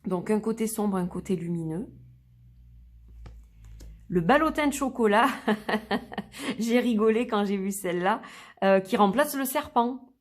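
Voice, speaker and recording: A woman reviewing an oracle card deck in a gentle, admiring way, reading the booklet aloud and naming each card. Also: medium pitch, expressive, moderate pace, pauses often. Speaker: card reader presenting a deck. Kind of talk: unboxing and review.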